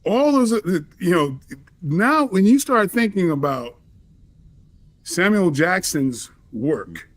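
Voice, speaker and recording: A man with an American accent and a fairly high voice that swings up and down a lot. He argues casually and insistently, throwing out questions and the odd swear word. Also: sing-song, takes it slowly. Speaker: debater posing questions. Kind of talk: casual conversational debate.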